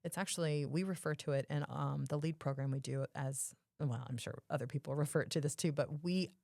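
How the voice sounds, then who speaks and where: A woman with a very low voice for her sex talks casually on a podcast. There is a strong fry in it and the sound is dry and close. She explains things emphatically, circling back to rephrase. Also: a little fast, warm tone, no room sound. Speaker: podcast co-host.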